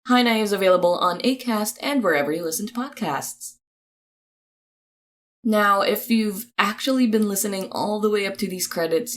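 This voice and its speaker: With a mid-range voice, a woman reads out podcast credits. Her announcing is chatty, informal and upbeat, with expressive delivery.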